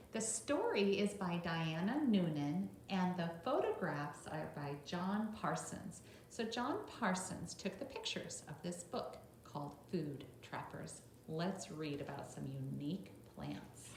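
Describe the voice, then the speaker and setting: Her voice fairly low, darkish and sing-song, a middle-aged woman teacher slowly reads a picture book to small children in a classroom, pausing for instructive comments and quick questions. Faint background noise and a roomy echo are audible.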